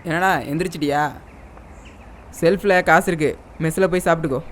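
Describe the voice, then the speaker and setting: A man's voice: on the high side, fairly even intonation, a little fast, slight background noise, lightly acted. A man playing an offhand young man who brushes off his friend's fears. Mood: dismissive. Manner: dismissive, casual. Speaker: roommate. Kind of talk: short film acting. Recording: film soundtrack with loud music. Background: film score.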